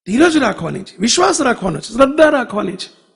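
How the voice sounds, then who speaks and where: Man, preacher; high husky gravelly voice; storytelling sermon, acts out dialogue. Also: big pitch swings, quick pace, long reverb tail. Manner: addresses listeners as devotees, asks for raised hands.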